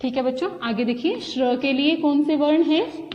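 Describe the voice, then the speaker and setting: A woman teacher giving a slow classroom lesson, speaking to the children, repeating each point and coaxing them along. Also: sits high. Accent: Hindi. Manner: slow and repetitive, addressing children. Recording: dull, lo-fi sound with a long hall reverb.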